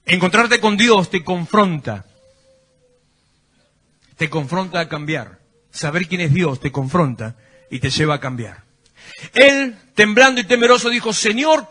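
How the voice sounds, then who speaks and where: A man's voice: on the high side, pushed and bright. A male pastor, preaching a sermon and putting questions to his congregation. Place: church.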